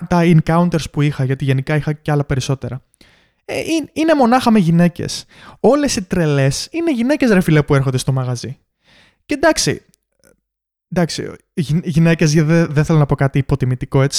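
A young man hosting a casual storytelling monologue, animated and acting out the customers he quotes. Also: a little high. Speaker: podcast host.

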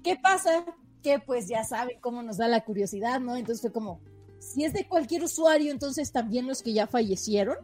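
A woman's voice: a little high, expressive, darkish tone, faint music behind. A woman, chatting on a panel and laughing often as she tells a tech news item. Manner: laughing, chatty, quick asides. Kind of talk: casual panel chat.

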